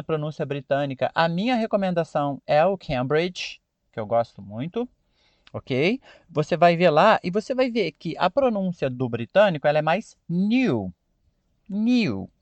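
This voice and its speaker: A Brazilian man with a Brazilian Portuguese accent gives an English pronunciation lesson, his voice a touch high and very animated in its rise and fall. He talks directly to his viewers and keeps checking "ok?". The sound is dry, with no room echo. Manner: lively, addresses viewers directly, keeps asking "ok?". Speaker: English teacher.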